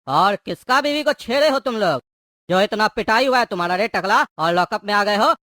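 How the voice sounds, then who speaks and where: Performer as a cartoon thug man: menacing, mocking, threatening; mid pitch, dry read. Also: animated, a little fast, sharp tone, no echo. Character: menacing male thug prisoner called Psycho Genda. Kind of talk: cartoon voice acting.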